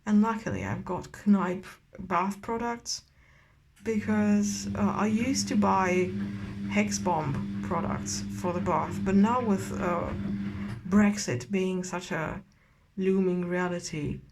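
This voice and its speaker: A woman's voice: mid-range voice, slow. A drunk woman from Eastern Europe rambling casually in an opinionated, sweary rant, recorded in a bathtub at home. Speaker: vlogger and novelist. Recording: clearly noisy bathroom ambience.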